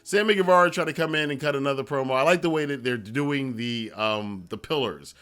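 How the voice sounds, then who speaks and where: A man hosts a wrestling review in a medium-pitched voice that is brisk, fairly bright, clear and resonant. He keeps it casual and conversational, drifting into asides and repeating phrases for emphasis.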